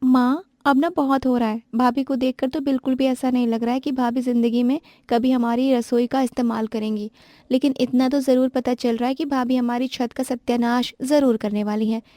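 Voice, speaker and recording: A woman's voice: high voice, fairly even intonation, moderate pace, dark tone, no echo, clean studio sound, pitched above the performer's own voice, lightly acted. A woman voicing a young sister-in-law who nags and coaxes in a whiny tone. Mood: complaining.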